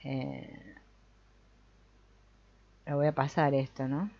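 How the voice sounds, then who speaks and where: A very deep, gravelly voice speaks very slowly and in a level tone. She leads a family constellations group, reading from a book and reflecting aloud while often checking in with a questioning "no?" or "mm?". The recording is dull, dry, and lo-fi.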